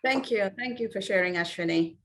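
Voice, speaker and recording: A woman hosting an online panel discussion over a video call, asking guests in warmly to share their views. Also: mid-range voice, brisk. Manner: inviting, asks guests to share. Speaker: host.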